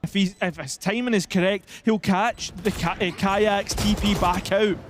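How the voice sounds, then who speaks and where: High-voiced man giving esports analysis. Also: steady tone, moderate pace, music in the background. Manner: analytical, explains tactics and resources. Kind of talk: color commentary.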